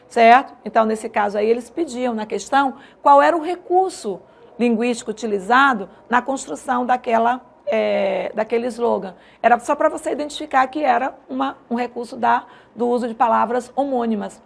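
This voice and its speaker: A woman's voice: a little high, gravelly. A woman teacher with a Brazilian Portuguese accent, giving a grammar lecture and checking often that her students follow. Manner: explanatory, with frequent checking tags; stretches out example phrases slowly.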